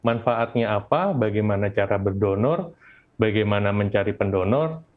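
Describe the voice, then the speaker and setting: Man, Indonesian accent, low pitch, talking through a face mask, informal presentation, dull video-call audio. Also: normal speed. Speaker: volunteer presenter. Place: at home.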